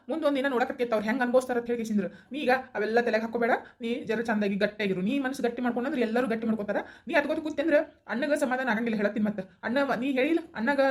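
A woman's voice: a little high, close to an everyday voice. A woman playing a helpful young village relative who reassures the family, with a North Karnataka accent. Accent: North Karnataka Kannada. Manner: rapid, reassuring, persuasive.

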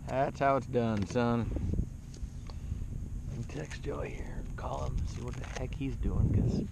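A man in a mid-range voice chats easily to the camera while out on the water in a kayak, trading light jokes. The action camera picks up clear wind and water noise around him. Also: mid-range voice, measured pace. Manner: relaxed, joking banter. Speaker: fishing vlog host. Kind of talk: casual vlog narration. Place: outdoors on a kayak on a bay.

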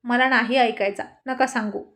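A bashful young wife who giggles and scolds in turn, as a woman narrator reads her, in a fairly high voice. Her lines come as light storybook dialogue. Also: fairly even intonation, moderate pace, a bit bright, lightly acted. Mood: playful. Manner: shy, giggly, sometimes scolding.

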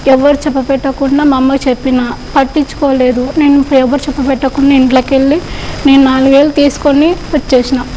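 A woman from Telangana with a Telangana Telugu accent, telling her own story in an interview in a halting, hesitant, plainspoken way. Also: high voice, level tone, mellow, a little hiss or hum, poor audio. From Telangana, India. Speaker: interview guest. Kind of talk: personal testimony in an interview.

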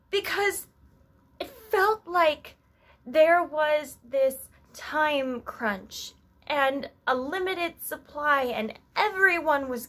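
A woman performs a stage monologue as an earnest, anxious young musician who is wistful and full of self-doubt. Her delivery is halting and reflective with long pauses, yet her voice is high, pushed and bright, heavily acted and eager.

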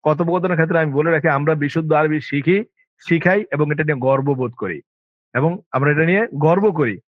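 A man's voice: a little high, a little fast, no room sound. Emphatic Bangladeshi man teaching, lo-fi. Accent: Bangladeshi Bengali. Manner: emphatic, asks listeners rhetorical questions. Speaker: Arabic language teacher. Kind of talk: informal lecture to students. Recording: dull lo-fi dry sound.

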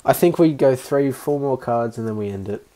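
A man's voice: mid-range voice, moderate pace, warm tone. A man hosting an online card game with friends, reading the cards aloud and teasing the others with frequent laughs. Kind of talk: casual online game chat.

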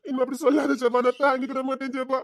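A woman's voice: high-pitched, flat delivery, fast talker, no echo, clean studio sound, lightly acted. A woman voicing a young man who begs and cries for the love of a friend in an audio drama. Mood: pleading. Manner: pleading, crying.

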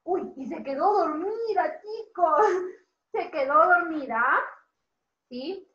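A woman, a preschool teacher telling a story and coaching young children with animated, coaxing intonation. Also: extremely high pitch, slow pace. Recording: echoey room, dull lo-fi.

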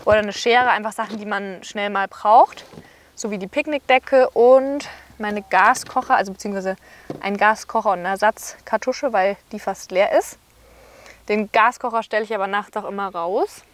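A woman's voice: mid-range voice, normal speed. A young woman in her twenties chatting upbeat to a handheld camera, outdoors and inside a small car, thinking aloud as she talks. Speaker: travel vlogger. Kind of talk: casual vlog talk to camera.

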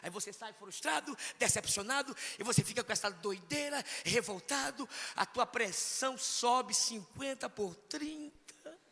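A man preaching with a Northeastern Brazilian accent, comic and fiery, swinging from mutters to shouts before a congregation. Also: very high voice, expressive, measured pace, gravelly, husky. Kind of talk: sermon. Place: church hall, in front of a congregation. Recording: echoey church hall.

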